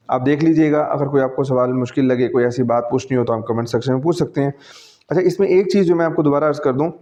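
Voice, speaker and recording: A male teacher with a Pakistani accent delivers a classroom-style lecture in a relaxed, warm tone, explaining step by step and often checking that his students follow along. His voice sits at an ordinary pitch. The recording sounds a little dull and lo-fi. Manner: conversational, explains patiently, often checks understanding.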